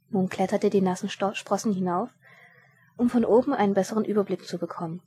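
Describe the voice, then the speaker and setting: A woman's voice: mid-range voice, warm tone. A woman reading a story aloud and changing her voice for the characters. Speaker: narrator.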